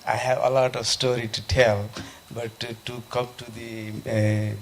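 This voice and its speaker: A man from Nepal in an audience, asking a panel a question at a conference, halting and repeating himself. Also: mid-range voice, level tone, a little hiss or hum. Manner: halting, repeats his question, frequent restarts. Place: conference hall.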